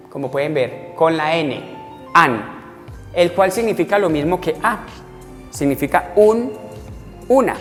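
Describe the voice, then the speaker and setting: Man as patient teacher, reverberant room. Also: fairly high pitch. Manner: patient, repeats examples slowly. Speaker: English teacher. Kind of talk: classroom explanation. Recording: long reverb, faint music. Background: faint background music.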